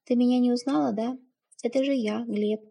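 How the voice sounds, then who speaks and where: A woman voices a warm-hearted young man in this spoken storybook, eager and reassuring, speaking in quick bursts. The voice is husky and gravelly, with a mellow, dark tone. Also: fairly high pitch, fairly even intonation. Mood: earnest. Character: young man, cheerful, warm, earnest stepson.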